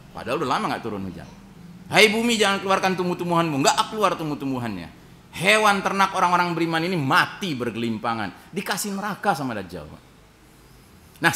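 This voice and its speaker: A man preaching at a mosque, telling a story with animation and often turning to speak straight to the people listening. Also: high voice. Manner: animated storytelling, acting out quoted voices; addresses listeners directly and often. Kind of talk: mosque sermon.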